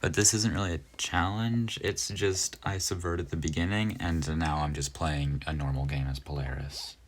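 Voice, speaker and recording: A man's voice: sits low, fairly even intonation, moderate pace, a little hiss or hum. A man giving laid-back commentary over his own strategy game, narrating each move and chuckling at himself. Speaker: gaming youtuber. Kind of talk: casual gameplay commentary.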